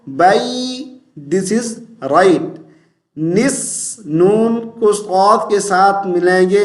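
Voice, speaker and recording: Male tajweed teacher with a high voice, slow chanted verses between quick corrections, echoey room. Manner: drawn-out melodic recitation of verses, then brisk corrective explanation. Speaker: Quran recitation teacher. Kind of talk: tajweed lesson, alternating slow chanted recitation with spoken explanation.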